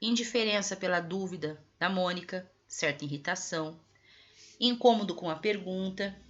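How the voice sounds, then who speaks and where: A woman's voice: lowish voice, normal speed. A woman teacher with a Brazilian Portuguese accent, going over textbook exercises with her pupils and stressing each phrase. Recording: dull lo-fi recording.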